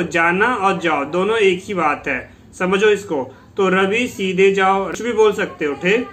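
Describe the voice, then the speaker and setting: A man teaching English phrases in Hindi, repeating each phrase slowly and explaining it patiently to his students. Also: high voice, a bit bright, slight background noise. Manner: slow, repeats each phrase twice, drawing out English words; addresses listeners as "beta", explains patiently. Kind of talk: Hindi-language English lesson.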